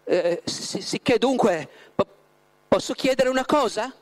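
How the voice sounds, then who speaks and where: A hesitant young woman , read by a man, stumbles and restarts as she makes her request. The delivery stays close to a plain reading voice. There is a halting, anxious edge to it. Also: fairly high pitch, a little mellow, close to an everyday voice. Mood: flustered. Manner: halting, stumbling over words. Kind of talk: dramatic reading aloud.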